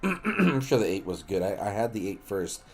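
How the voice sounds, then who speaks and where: Over a little hiss or hum, a man with a low-ish, slightly mellow, sing-song voice talks at normal speed. He's hosting a casual late-night game stream, joking around with viewers as pals and swearing without restraint.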